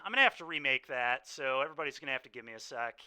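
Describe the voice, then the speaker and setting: A man's voice: mid-range voice, animated, rapid-fire, pushed and bright, clean tone. A young man streaming a card game, venting his frustration and sighing between remarks to chat.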